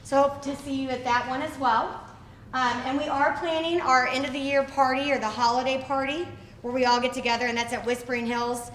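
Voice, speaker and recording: High-voiced upbeat woman hosting a meeting. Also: fairly even intonation, a little fast, fairly bright tone. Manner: chatty, upbeat, thinks aloud with fillers. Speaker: club meeting host. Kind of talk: casual club announcements. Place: running store meeting room. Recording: echoey room, faint noise.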